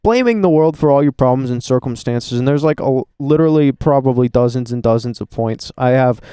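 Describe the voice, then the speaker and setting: A man delivers a loose, sarcastic voice-over, swearing freely and wandering between thoughts. His voice is dark and mellow, with a smooth, clean tone. The sound is close and dry. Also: medium pitch, brisk, no room sound. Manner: rambling, profane, sarcastic. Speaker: commentary YouTuber. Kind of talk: casual reaction voice-over. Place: voice-over recorded at a computer.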